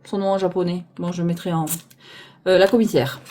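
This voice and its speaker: Mellow woman rambling over tarot cards. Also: fairly low pitch, little pitch movement, a little fast, a little hiss or hum. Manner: rambling, searches for names aloud. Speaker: tarot deck reviewer. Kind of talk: casual deck presentation. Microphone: phone on a holder arm.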